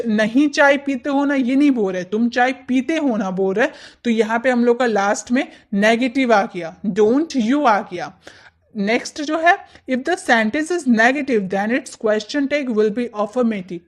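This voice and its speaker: A woman teaching English grammar, explaining step by step and slowly repeating example sentences. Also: fairly high pitch.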